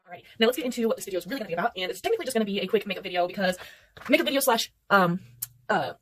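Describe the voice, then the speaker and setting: A young woman who works as a beauty vlogger rambles through a makeup tutorial, chatty and poking fun at herself. She speaks very fast with a medium pitch and lively intonation, and there's a little hiss or hum. It was recorded indoors at night under artificial light.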